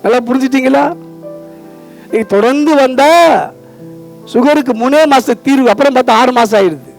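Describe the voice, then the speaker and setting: A man's voice: extremely high pitch, normal speed, soft background music, low-quality recording. A man with a Tamil Nadu accent preaching a fervent sermon, calling out to his listeners and repeating lines back to them. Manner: fervent preaching, calls out to listeners, call-and-response. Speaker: pastor.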